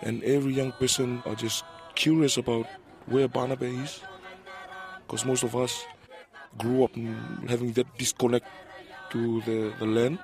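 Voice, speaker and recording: Soft-spoken man from Fiji, flat delivery. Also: mid-range voice, normal speed. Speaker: community worker interviewed. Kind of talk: reflective interview talk.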